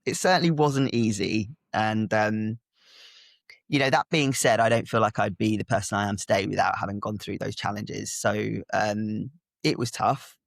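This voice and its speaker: A non-binary activist and public speaker from Italy gives a candid interview as a guest, reflective and open with many soft hesitations. Their mid-range voice is creaky at a moderate pace, with no echo.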